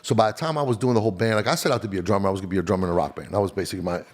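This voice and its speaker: A man's voice: low voice, very fast. A middle-aged man, born in Chile and raised in Miami, chatting casually as a guest in a slangy, laid-back way. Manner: laid-back slangy talk, calls host dog and bro. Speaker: guest, audio engineer. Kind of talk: casual podcast chat.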